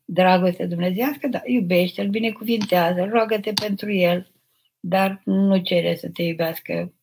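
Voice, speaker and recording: An older woman, an abbess, reading out viewers' questions and answering them in a gentle, motherly, unhurried way during a live spiritual question session. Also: on the low side, breathy edge. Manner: gentle, motherly, unhurried, addresses listeners tenderly. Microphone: live stream microphone.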